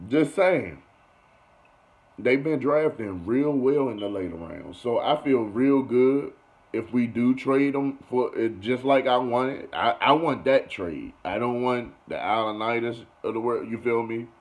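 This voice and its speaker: A man's voice: medium pitch, measured pace, darkish tone. A young man running a casual sports commentary vlog, talking loosely and repeating himself with "you feel me" and "you know". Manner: loose and conversational, repeats phrases, keeps saying "you feel me". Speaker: sports vlogger.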